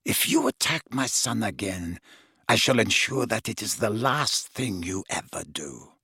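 A man reading an audiobook, voicing a cold, haughty aristocratic mother in a low, quiet, icy drawl. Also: big pitch swings, unhurried, husky, no room sound, studio quality, exaggerated voice. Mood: cold menace.

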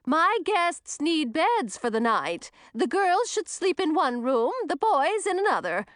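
Lady doing a bossy old ice witch, high singsong voice, all over the place, dry audio. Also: sing-song, measured pace, fairly bright tone, no echo, exaggerated voice. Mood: commanding. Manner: high, sing-song and imperious. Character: eccentric old female ice witch, grand and domineering.

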